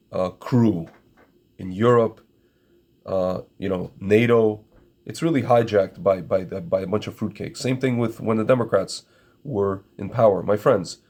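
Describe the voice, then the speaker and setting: Fairly low in pitch and darkish in tone, this middle-aged Ukrainian commentator, a native Russian speaker, gives his viewers an opinionated monologue. He hammers his points home, repeats himself, and often greets them as "my friends."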